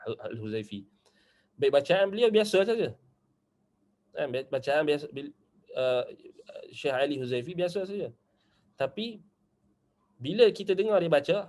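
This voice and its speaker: A man whose voice sits a little high, with a darkish tone and a Malaysian Malay accent, leads a religious class at an Islamic study centre. He talks casually, adding brief asides and asking for agreement along the way.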